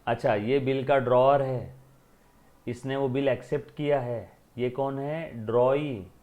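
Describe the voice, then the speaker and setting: A man's voice: medium pitch, fairly even intonation, a little slow, phone-quality sound. Man teaching class, asks and answers. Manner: repeats questions and answers them himself, calls students beta. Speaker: accounting teacher. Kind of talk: classroom lecture.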